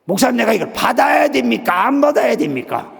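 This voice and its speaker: Man voicing a fed-up sergeant in his middle years, loud, rough-edged, complaining, in a hall with a long echo. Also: sits high, sing-song, quick pace, pitched above the performer's own voice, heavily acted. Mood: exasperated. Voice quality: loud, raised and exasperated pleading. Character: agitated middle-aged male army sergeant, loudly complaining. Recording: long hall reverb of a church sanctuary.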